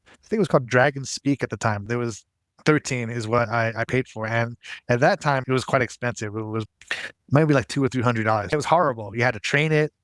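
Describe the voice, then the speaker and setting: Guy doing a casual how-to video, medium pitch, really dry recording with no room sound. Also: fairly quick, fairly bright tone, no room sound. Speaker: tutorial host. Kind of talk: casual scripted tutorial narration.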